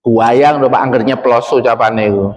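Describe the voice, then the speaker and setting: East Javanese preacher in a reverberant mosque. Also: male voice, mid-range voice, fairly even intonation, moderate pace. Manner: conversational, addresses the congregation as "Pak", mixes in Javanese. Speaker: Islamic preacher. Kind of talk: mosque sermon. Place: mosque hall. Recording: long hall reverb.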